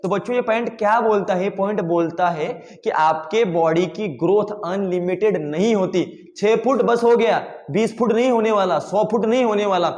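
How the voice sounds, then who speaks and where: A man's voice: sits high, moderate pace, few pauses, a little mellow. A young man teaching biology, explaining with everyday examples and asking the class rhetorical questions. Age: young adult. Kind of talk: classroom lesson. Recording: echoey room with long reverb.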